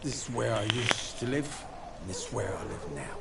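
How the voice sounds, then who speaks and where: A broken-down male tramp in a game, his gravelly voice tired and bitter and full of sardonic self-mockery. Steady background noise sits under the game audio. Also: on the low side, moderate pace. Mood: weary.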